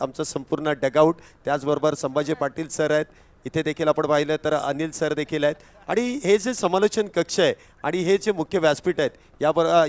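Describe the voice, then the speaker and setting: A man giving live commentary on a local tennis-ball cricket match, with a Marathi accent, rising in excitement on each wicket and run. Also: on the high side, smooth. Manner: excitable rises on wickets and runs.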